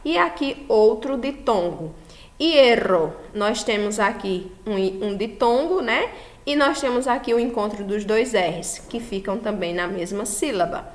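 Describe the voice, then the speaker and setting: A Brazilian woman teacher giving a recorded class, explaining slowly and patiently and often checking that students follow. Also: a little high. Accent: Brazilian Portuguese. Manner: slow, patient explaining with frequent checks for understanding. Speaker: school teacher.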